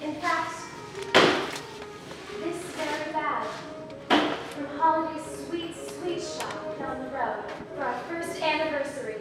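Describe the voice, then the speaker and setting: Woman doing a rich widow in a noir skit, high voice, super slow, echoey room w music. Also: far from the mic. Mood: pleading. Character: wealthy young widow seeking a detective's help. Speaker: client in a noir mystery. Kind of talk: amateur noir radio play.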